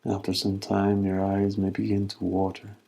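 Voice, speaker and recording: A man leading a guided meditation as a teacher, speaking calmly and in measured phrases with long pauses. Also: low-pitched, gravelly.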